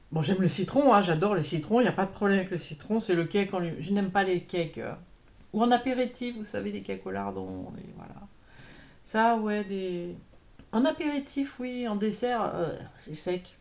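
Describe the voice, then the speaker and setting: In a casual chat to camera, a woman vlogs about cross-stitch, rambling along with plenty of fillers and self-corrections. Her voice is on the low side with a darkish tone.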